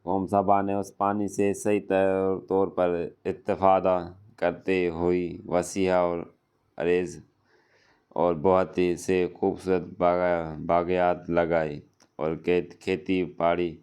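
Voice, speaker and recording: A man narrating a religious story in a measured, solemn way. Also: low-pitched, flat delivery, darkish tone, clear, resonant tone.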